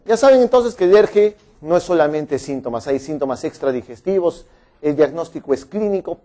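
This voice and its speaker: A man lectures on medicine in a brisk, chatty way, quizzing students and teasing them when they hesitate. His voice sits a little high but sounds dark and mellow. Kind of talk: online medical exam-prep lecture.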